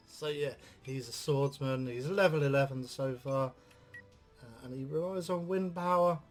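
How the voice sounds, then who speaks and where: A man's voice: medium pitch, unhurried. Guy rambling thru a game review, lots of uhs, faint music behind. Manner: rambling, lots of filler sounds. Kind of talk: casual let's-play commentary.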